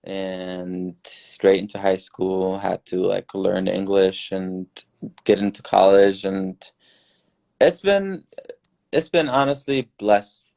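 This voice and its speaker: A young man from Syria, a newly graduated dentist, giving earnest, relaxed advice as a podcast guest. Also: sits low, slow pace, creaky. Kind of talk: casual podcast chat.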